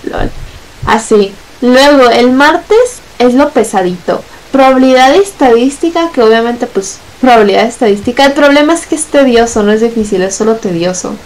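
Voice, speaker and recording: High-voiced young Mexican woman, blunt and sweary. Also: animated, rough recording. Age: young adult. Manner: blunt, swears a lot, talks in long rushed runs. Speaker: guest on a gameplay stream. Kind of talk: casual chat.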